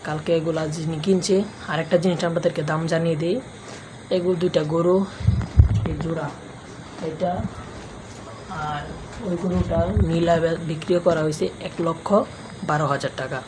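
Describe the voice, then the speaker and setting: A man talks quietly to his phone camera in a cowshed at night, keeping his voice hushed for a casual vlog. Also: on the high side, level tone, normal speed, long pauses. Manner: speaking softly and hushed. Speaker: village lifestyle vlogger. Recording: noisy background.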